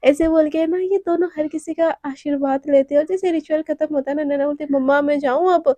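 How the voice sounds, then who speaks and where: A woman's voice: high-pitched, steady tone, quick pace, dark tone, no room sound. A young woman telling a romance story in a casual, chatty way, lightly acting out each character.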